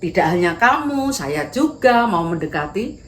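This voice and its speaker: A woman voicing a high, cheerful schoolgirl with a lilt. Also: very animated, moderate pace, a little hiss or hum. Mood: encouraging. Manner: high bright warm reassuring teasing. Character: cheerful kind schoolgirl best friend.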